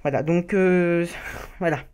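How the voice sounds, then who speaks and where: A woman's voice: lowish voice, slow pace, a little mellow, clean tone. A woman giving casual beginner tips as a voice-over, reading from notes, often stumbling, restarting and laughing at her own slips. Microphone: home recording mic.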